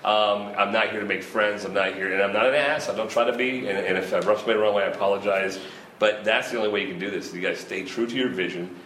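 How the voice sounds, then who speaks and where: A man's voice: lowish voice, quick pace, fairly bright tone. A man in his fifties who organizes a festival, talking in a rambling, casual way with frequent laughs and restarts. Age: 50s. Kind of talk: casual interview chat. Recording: roomy echo with faint ambient noise.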